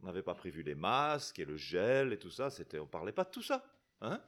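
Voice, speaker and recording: A brisk, deep-voiced preacher with a fairly bright tone and huge pitch swings addresses a congregation as a guest. The middle-aged Belgian man speaks with a Belgian French accent, chatting, restarting sentences, and regularly adding tag questions.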